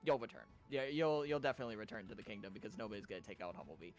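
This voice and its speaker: A man's voice: fairly low pitch, lively intonation, rapid-fire, faint music behind. A man who played in the game, talking casually, enthusiastic and rambling. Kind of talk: casual chat after a game.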